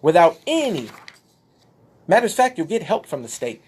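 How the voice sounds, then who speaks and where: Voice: medium pitch, sing-song, normal speed, breathy edge. A speaker giving an impassioned, preachy monologue while showing documents, winded at times. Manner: preachy, emphatic, exclaims at times. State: out of breath. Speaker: speaker addressing followers.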